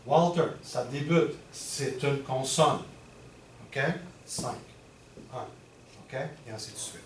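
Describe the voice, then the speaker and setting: Middle-aged workshop presenter, patient and explanatory, recorded from afar in an echoey room with background noise. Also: male voice, medium pitch, slow pace. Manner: explanatory, checks in often with the audience. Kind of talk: teaching a workshop. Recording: roomy and distant with background noise.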